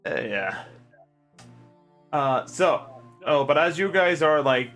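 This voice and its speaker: A man's voice: a little high, animated, slow pace, fairly bright tone, soft background music. A man running a tabletop role-playing stream as game master, talking casually with many fillers.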